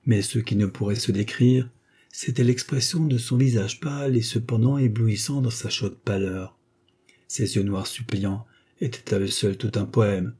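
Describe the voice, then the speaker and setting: Man reading a novel aloud, low dark husky voice, measured and dramatic. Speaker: audiobook narrator. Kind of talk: scripted narration of a novel.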